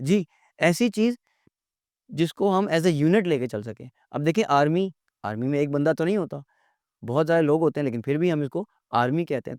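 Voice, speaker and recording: A man's voice: on the high side, a little mellow, no room sound. Dry, patient man teaching grammar. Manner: explains in Urdu-Hindi, reads English definitions slowly and deliberately; corrects pronunciation by repeating words. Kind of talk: recorded online lecture explaining slides.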